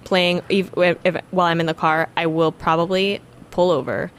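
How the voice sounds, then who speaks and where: A woman guesting on a podcast, excitable and quick to laugh. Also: on the low side, a little hiss or hum. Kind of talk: casual podcast chat.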